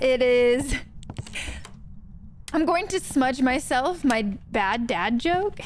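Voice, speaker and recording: Her high voice has vocal fry, and a little hiss or hum runs under the recording. She's a young woman livestreaming a ghost-hunting game, chatting casually and saying hi to viewers by name.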